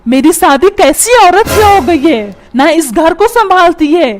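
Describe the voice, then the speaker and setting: A woman dubs a comic cartoon, voicing a squeaky, blustering, short-tempered middle-aged father who rants, scolds and shouts threats. Her intonation is lively while her pace stays measured, and loud music plays underneath.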